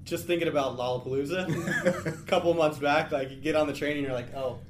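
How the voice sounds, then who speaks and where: A man's voice: on the high side, steady tone, brisk. A man working as a social media specialist, giving short, easygoing interview answers in an office huddle room. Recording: roomy echo with faint hiss.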